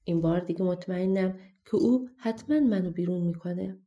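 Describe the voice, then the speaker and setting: A woman's voice: lowish voice, warm tone, lightly acted. A woman voicing a kind, frightened young farm girl with a pleading, tearful manner, in a storybook reading. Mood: fearful.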